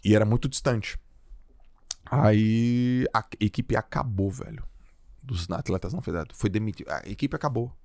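A man from Brazil tells stories as a podcast guest, his voice carrying a gravelly rasp. He talks in loose slang and lively bursts. The sound is dry and close. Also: fairly low pitch, moderate pace, no echo. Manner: slangy, animated, acts out quoted voices. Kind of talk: casual storytelling on a podcast.

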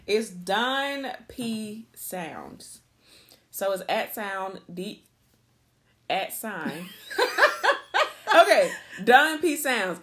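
Woman, podcast co-host, casual chat, animated, slangy, repeats herself. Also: on the low side.

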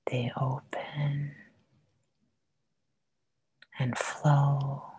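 Woman, whispered meditation guide, very slow, breathy, soft and soothing, long pauses. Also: very deep voice, flat delivery, no echo.

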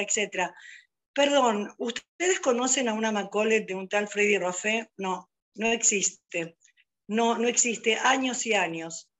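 A woman with an Argentine accent telling a personal story over a video call, acting out the dialogue as she goes. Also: a little high. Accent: Argentine Spanish. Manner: lively retelling, acting out quoted dialogue. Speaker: storyteller sharing a personal testimony.

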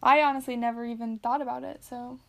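A woman chats casually as a podcast co-host, rambling and giggling through a movie recap. Her voice sits a little high and has a gravelly, fried edge. Her talk is full of fillers and restarts. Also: steady tone, quick pace.

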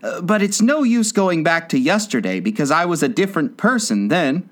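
Polite, wondering young girl, read by a man, lifted pitch. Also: sing-song, moderate pace. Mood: curious.

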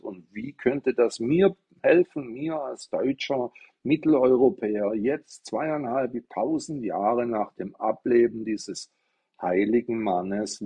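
A livestreamer from southwest Germany rambles casually into an iPad about Buddhism, explaining things and posing rhetorical questions to himself. His voice is medium-pitched, dark and slightly rough, with a lo-fi sound.

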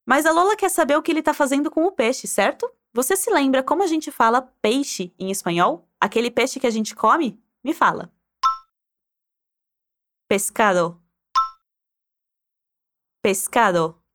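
Woman, Spanish teacher, high animated voice, encouraging drill style. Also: unhurried, pauses often. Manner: encouraging, prompts listener to repeat aloud. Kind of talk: guided pronunciation drill.

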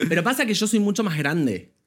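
A man's voice: high voice, big pitch swings, brisk, husky. A man, a podcast guest in casual chat, camp and teasing, telling stories with animation.

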